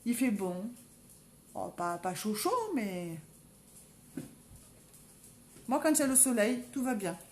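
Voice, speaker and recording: A woman's voice: medium pitch, animated, slow, long pauses, darkish tone, a little hiss or hum. Woman, southern French accent, live makeup tutorial, chatty, talks straight to viewers, echoey room. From south of France. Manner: chatty, keeps calling out to viewers. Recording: roomy echo, faint background ambience.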